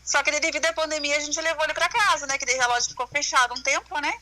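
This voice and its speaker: A woman's voice comes through over the phone, pitched high and very sharp in tone. She is a shop owner in casual chat with a caller. She talks freely and keeps adding small tag questions. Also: steady tone, very fast, slight background noise. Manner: chatty, with frequent tag questions. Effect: heard over the phone.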